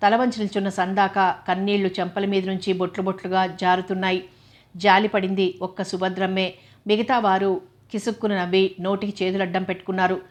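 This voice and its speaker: A woman narrating a novel in a steady, even storytelling manner. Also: mid-range voice, a little fast.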